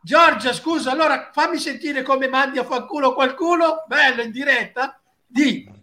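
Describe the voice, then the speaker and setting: A man's voice: extremely high pitch, moderate pace, bright, forceful tone. A man hosting a casual live talk show, teasing and prodding his guests.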